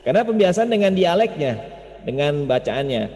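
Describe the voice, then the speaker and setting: With a fairly high, slightly mellow voice and big pitch swings, a man at a moderate pace teaches Quran recitation in an informal Zoom class. He explains and chants words and syllables repeatedly to demonstrate, and the audio is muffled and reverberant.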